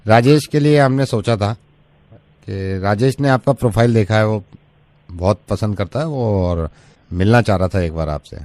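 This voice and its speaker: A man's voice: fairly low pitch, normal speed, a little mellow, no echo. A man hosting a radio prank call, playfully feigning innocence and sprinkling in English phrases.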